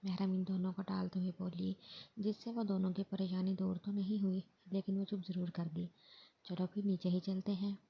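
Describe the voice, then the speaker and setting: Gravelly, husky woman narrator. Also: lowish voice. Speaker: novel narrator. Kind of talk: storybook narration of a romance novel. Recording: dull lo-fi voice recording.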